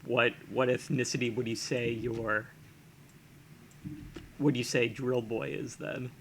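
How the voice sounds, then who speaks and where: A man chats casually on a live stream as he works on a sculpt, thinking out loud and chuckling between half-finished thoughts. His voice sits in a middle register with a gravelly, crackling fry. A faint hiss lies under the desk microphone. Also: mid-range voice, little pitch movement, takes it slowly. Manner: musing aloud, chuckling often, trailing off with fillers.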